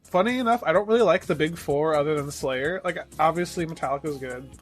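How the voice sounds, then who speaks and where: A man's voice: a little high, fairly quick, faint music behind. A man co-hosting a podcast, chatting casually in an enthusiastic, profane, rambling way with lots of fillers. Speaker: podcast co-host. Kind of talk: casual chat.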